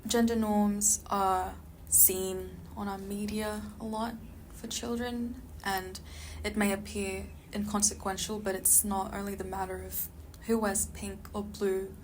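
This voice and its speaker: Flat-voiced student woman reading a script. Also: mid-range voice, a little slow, slight background noise. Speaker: student podcast presenter.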